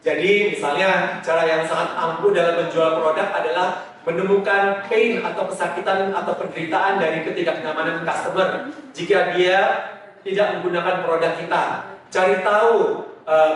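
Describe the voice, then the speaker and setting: A man with a high voice explains sales skills in a loose, conversational way, pausing often and trailing off his points. He sounds distant from the microphone, and the room rings with a heavy echo. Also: steady tone, fairly bright tone. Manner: loose, conversational, with frequent "eh" hesitations and trailing "gitu". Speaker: sales training instructor. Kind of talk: casual instructional talk. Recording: very echoey room, voice distant from mic.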